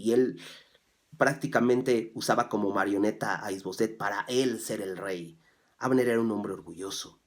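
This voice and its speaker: Man preaching with big swings in volume. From Mexico. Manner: swings from soft, low asides to loud, raised scripture reading; asks the listeners rhetorical questions. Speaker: pastor. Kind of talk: sermon.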